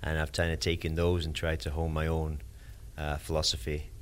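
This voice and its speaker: A man answering an interview question as a coach, reflective and halting in his delivery. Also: extremely low pitch, monotone. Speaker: soccer coach.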